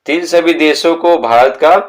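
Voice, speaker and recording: Male teacher explaining a textbook, reads English lines slowly, asks and answers his own questions. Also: fairly high pitch. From India. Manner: slow, deliberate reading of English sentences, then explaining them; asks the students questions and answers them himself.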